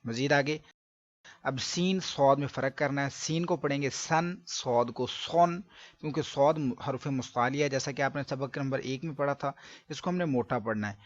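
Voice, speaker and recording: A man's voice: mid-range voice, brisk. A man teaching Quran recitation step by step, from Pakistan, patiently drawing out syllables in drills. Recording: dry, dull lo-fi recording.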